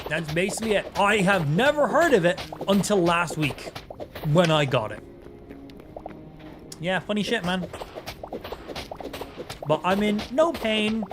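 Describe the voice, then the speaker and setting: A man livestreaming a game with casual, sweary, easygoing chat, his speech slightly impeded as if half his mouth is numb. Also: high voice. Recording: music behind the voice. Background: music.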